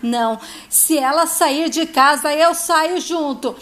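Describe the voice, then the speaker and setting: A tearful middle-aged mother pleads and insists with strong emotion, as a woman retelling a soap opera puts her on. Her voice is high and pressing. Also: takes it slowly, fairly bright tone. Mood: insistent.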